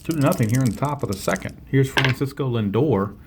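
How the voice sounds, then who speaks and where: Man, tabletop baseball play-by-play, mid-pitched voice, steady explaining tone, faint hiss behind. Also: a little fast. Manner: steady, explains each dice roll, self-corrects. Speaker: tabletop baseball game player and commentator. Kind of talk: play-by-play commentary of a tabletop game.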